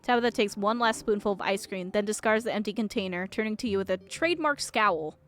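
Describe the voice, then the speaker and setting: Speaking briskly in a mid-range voice, a woman livestreams a game with giggly, excitable commentary, reading the on-screen dialogue aloud. Soft music plays in the background.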